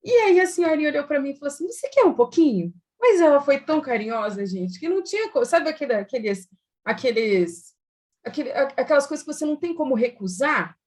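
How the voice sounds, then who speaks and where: A woman from Brazil telling her personal faith story in an animated way, laughing often and using many fillers. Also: sits high, fast talker. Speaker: testimony guest.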